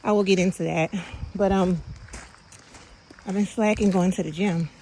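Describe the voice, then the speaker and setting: A woman's voice: lowish voice, fairly even intonation, moderate pace, dark tone, a little hiss or hum, poor audio. A woman casually vlogging as she walks a path outdoors by the water, chatting straight to her viewers. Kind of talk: casual walking vlog.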